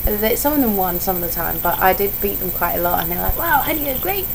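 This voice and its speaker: A woman's voice: fairly low pitch, quick pace, creaky. A young woman who is ill, with her voice starting to go, chatting in a casual, rambling vlog way and often wandering off on tangents. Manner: digressive, chatty, self-interrupting. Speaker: vlogger. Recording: noisy home vlog recording.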